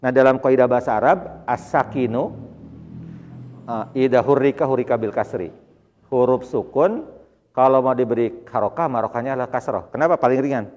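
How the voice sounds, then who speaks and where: A man teaching Arabic grammar to a mosque study class, reading phrases slowly and then explaining them quickly with a chuckle. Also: mid-range voice, darkish tone, dull audio. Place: mosque hall. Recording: long hall reverb.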